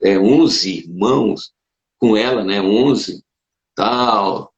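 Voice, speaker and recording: A man, a Brazilian pastor, telling his conversion story in a casual conversation, animated and emotional, with sudden leaps up in pitch. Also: very slow. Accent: Brazilian Portuguese. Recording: dull roomy sound.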